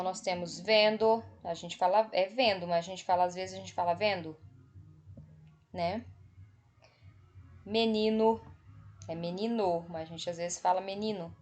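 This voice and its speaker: Slow, patient Brazilian woman teacher. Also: medium pitch, darkish tone. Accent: Brazilian Portuguese. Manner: slow, patient, repeats words and checks with "tá?". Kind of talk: online spelling lesson for children.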